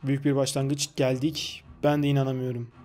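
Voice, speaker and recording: A young man doing casual gameplay commentary on a football game, excitable, yelling and swearing at his player. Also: mid-range voice, fairly quick, faint music behind. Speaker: gaming YouTuber.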